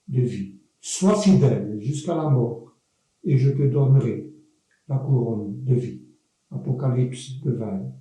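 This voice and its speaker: A man preaching the closing words of a sermon in a solemn, measured way. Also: mid-range voice, warm tone, far from the mic. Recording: echoey church from afar.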